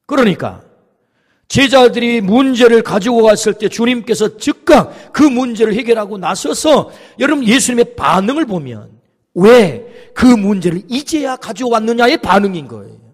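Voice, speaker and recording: A man's voice: extremely high pitch, lively intonation, normal speed. A male pastor preaching a sermon, asking the congregation questions and acting out Jesus' words of rebuke. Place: church sanctuary. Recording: long reverb of a church hall.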